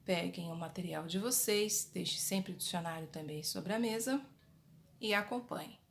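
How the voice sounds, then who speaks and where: A Brazilian woman teacher giving a slow, patient lesson to young pupils and repeating the key points. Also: fairly low pitch, vocal fry, slight background noise. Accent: Brazilian Portuguese. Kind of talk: recorded online class for children. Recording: echoey room.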